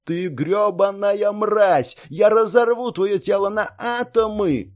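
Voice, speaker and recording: A man's voice: mid-range voice, expressive, normal speed, a little mellow, natural voice. A man voicing a furious young dragon-like monster man who roars, snarls and laughs in fits. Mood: furious roaring. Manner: roaring, snarling, laughing hysterically.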